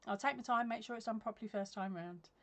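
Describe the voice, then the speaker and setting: This English crochet streamer talks quickly in a slightly high voice, casually going through viewer comments, laughing often and saying um to fill gaps. A desk webcam records her in her craft room at home, where yarn fills the shelves.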